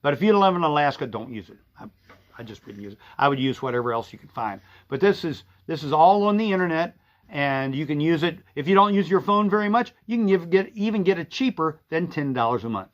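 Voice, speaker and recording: This middle-aged shop owner, who sells sewing machines and vacuums, sounds animated and fairly quick in a slightly high voice. He chats in a casual, folksy way on a live stream, restarting often and using many fillers, all in dull lo-fi audio.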